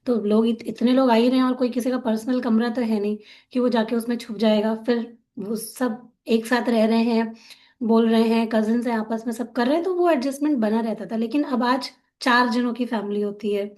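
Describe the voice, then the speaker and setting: A woman's voice: fairly high pitch, darkish tone. A woman counselor giving an earnest, conversational talk on parenting, often checking for agreement. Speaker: wellness counselor.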